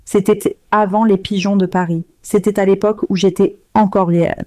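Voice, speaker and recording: A woman narrates a first-person story in a dark, mellow voice, slow and subdued. The sound is dry and close, with no room around it. Her delivery stays measured throughout. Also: medium pitch, fairly even intonation, no room sound.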